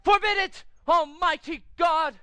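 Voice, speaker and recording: A man's voice: extremely high pitch, measured pace, pushed and bright, dry recording, exaggerated voice. A man voicing a fiery orator in a cartoon, speaking in an impassioned, declamatory way. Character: fiery orator rousing colonists to war.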